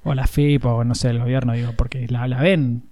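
A man's voice: medium pitch, little pitch movement, moderate pace, a loud crowd. A man with an Argentine accent, co-hosting a podcast in casual chat, joking and wandering into tangents. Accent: Argentine Spanish. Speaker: podcast co-host.

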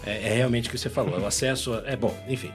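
A Brazilian voice actor and dubbing director chatting casually in an interview, telling animated stories. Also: male voice, mid-range voice, fast talker, soft background music. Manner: animated storyteller, acts out quotes. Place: home recording in the United States.

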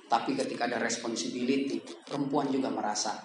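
A man preaching a lively, joking sermon to young people in a casual manner, with sudden loud bursts. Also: medium pitch, quick pace. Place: church hall. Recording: echoey hall with background noise.

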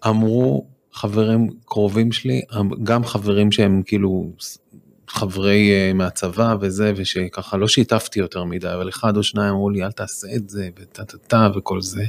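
A man in his forties, telling a personal story as a guest on a studio podcast, halting with many fillers and restarts. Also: on the low side, flat delivery, gravelly. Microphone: studio microphone.

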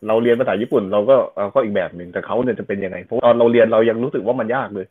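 A man's voice: fairly low pitch, racing, breathy edge. A man co-hosting a casual live stream over a tinny, phone-like call connection. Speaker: co-host. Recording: tinny phone-like, band-limited line.

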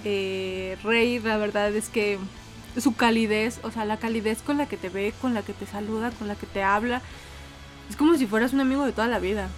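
A woman co-hosting a casual chat, telling a story with lively acted-out voices and frequent laughs. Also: mid-range voice, moderate pace, soft background music. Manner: animated, acts out quoted voices, laughs often. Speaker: podcast co-host.

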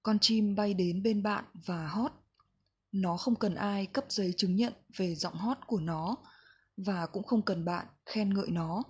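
A woman reading a reflective book passage aloud in a slow, gentle, measured way. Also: mid-range voice, breathy edge. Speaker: book reader.

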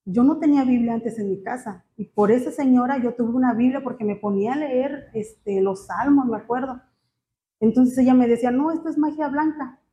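A woman tells her church testimony in a halting, emotional voice full of fillers. Her tone is mellow and a little higher than most. The recording sounds muffled, with faint noise behind her. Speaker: church member giving testimony. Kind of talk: personal testimony interview. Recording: muffled, slightly noisy.

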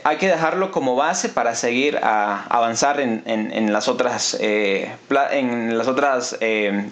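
A man hosting a church podcast in a casual, halting way with many fillers. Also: mid-range voice. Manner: hesitant, many fillers and restarts. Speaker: podcast host. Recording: echoey room.

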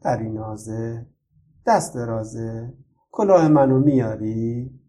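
A man's voice: a little high, close to an everyday voice. A man reading the part of a shy young boy from next door in a storybook. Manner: bashful, soft-spoken. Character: shy young boy neighbor, sad then friendly.

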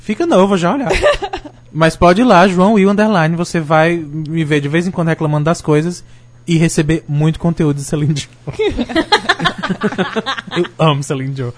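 A man's voice: fairly high pitch, expressive, moderate pace, long pauses. A man chatting on a podcast panel, joking and laughing often between lines. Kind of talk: casual chat.

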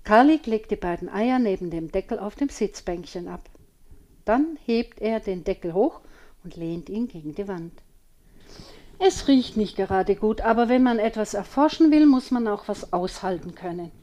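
A woman reading a children's story aloud with slow, expressive storytelling. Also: mid-range voice. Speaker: audiobook reader.

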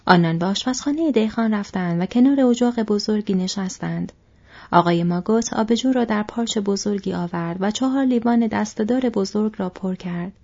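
A woman narrates an audiobook at a steady, measured pace. Her voice is mellow and slightly husky, with a middle pitch. The recording sounds a little dull and lo-fi. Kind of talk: scripted narration.

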